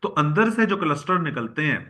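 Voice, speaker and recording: A male teacher works through a vocabulary list, drilling each word by saying it again and again. His voice is bright and forceful, and he talks to his class as boys and girls. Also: fairly high pitch, sing-song, fairly quick. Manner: drills words by repeating them; addresses students as boys and girls. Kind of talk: recorded lecture.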